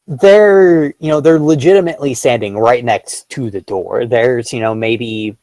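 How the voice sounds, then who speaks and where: A man narrating as game master of a tabletop role-playing game, talking with halting starts and fillers. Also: mid-range voice, dark tone, dry recording.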